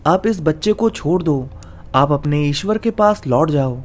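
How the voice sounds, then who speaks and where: A man's voice: fairly high pitch, animated, measured pace. A man voicing a stern old male holy man who commands a spirit to leave, with a grave, commanding manner. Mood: calm.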